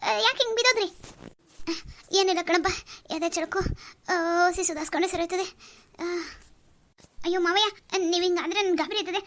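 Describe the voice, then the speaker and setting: An anxious young cartoon man, as a woman voices him, pleading in a very high voice. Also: brisk, long pauses, a bit bright, a little hiss or hum. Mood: alarmed. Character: anxious young man, placating his father-in-law. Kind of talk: Kannada cartoon voice acting.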